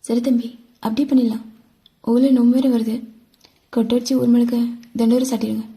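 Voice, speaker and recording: A gruff, commanding village headman, as a woman puts him on in a fan voice-over drama. The voice is pushed lower and louder than her own, and it stays mellow in tone. He gives orders with blunt authority. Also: flat delivery, fairly quick, lightly acted. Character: village headman father, middle-aged man, brusque.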